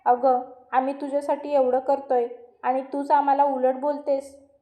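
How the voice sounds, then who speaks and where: A stubborn, bullying middle-aged uncle from a storybook, loud and scolding, as a woman narrator reads his lines. The voice sits fairly high and soft in tone. It rings in an echoey room. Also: level tone, moderate pace, lightly acted. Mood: angry. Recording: roomy echo.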